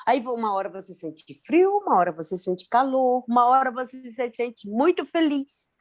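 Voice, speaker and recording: A woman's voice: a little high, moderate pace. A woman in a study group, sharing her own experience and quoting herself as she tells it. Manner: lively storytelling, quoting herself.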